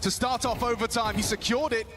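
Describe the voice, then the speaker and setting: A man's voice: very high voice, steady tone, brisk, over music. A man calling play-by-play as an esports caster, in dramatic, clipped phrases that swell with the action.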